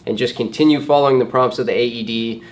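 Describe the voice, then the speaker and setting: A man's voice: mid-range voice, fairly even intonation, quick pace. Plain-spoken male first aid instructor. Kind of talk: hands-on demonstration, explaining steps.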